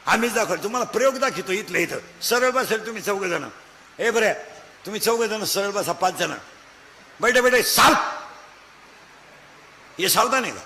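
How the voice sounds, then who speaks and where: A man with a Marathi accent preaching a comic kirtan sermon, scolding the crowd, asking rhetorical questions and breaking into shouts. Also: sits high, expressive, normal speed, pauses often, a little hiss or hum. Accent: Maharashtrian Marathi. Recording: hall echo, faint ambience.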